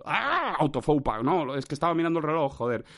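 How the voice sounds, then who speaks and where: A man with a somewhat high voice rambles through an improvised monologue for his own podcast. He talks to himself with theatrical, self-mocking outbursts, keeps swinging between loud and soft, and sometimes shouts nonsense sounds. He records standing up. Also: rapid-fire. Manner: wildly shifting loudness and pitch, shouting nonsense sounds. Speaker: podcast host.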